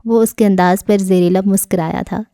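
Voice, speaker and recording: A woman narrating a novel in steady, even storytelling for an audiobook. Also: mid-range voice, clear, resonant tone, no echo, studio quality.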